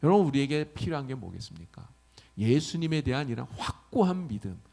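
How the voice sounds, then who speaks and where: A man's voice: mid-range voice, big pitch swings, a little fast, vocal fry, dark tone. A male pastor preaching a sermon, often asking the congregation questions.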